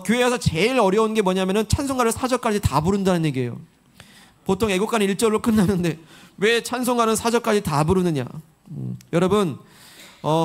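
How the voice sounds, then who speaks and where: High-voiced man preaching a sermon. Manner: earnest, coaxing congregation with questions and call-and-response. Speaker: pastor. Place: church sanctuary.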